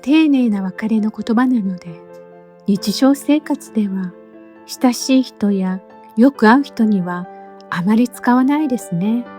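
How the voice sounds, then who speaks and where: A woman teaching as a language teacher, narrating a scripted lesson with clear, patient explanations. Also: a little high, unhurried, mellow, soft background music. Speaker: Japanese teacher.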